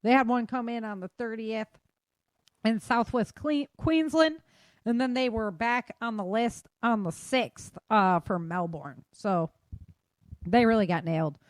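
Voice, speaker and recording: Speaking a little slowly in a fairly high voice, this woman hosts a podcast and runs through world weather and disaster news in an informal, chatty, colloquial way. The recording has no echo.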